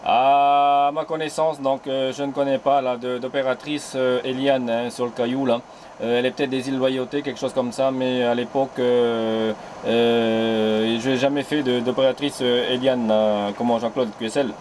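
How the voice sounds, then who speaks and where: Speaking from his island home radio station through an old handheld transceiver mic, a man films a casual amateur radio chat. His mid-range voice is flat, darkish and moderately paced, with slight background noise, and he amiably adds "là" after nearly every phrase.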